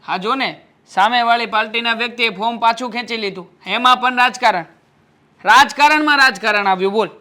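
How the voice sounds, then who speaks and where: A man acting as a husband caught between his wife and his mother, speaking in a calm, placating way. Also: very high voice, fairly quick.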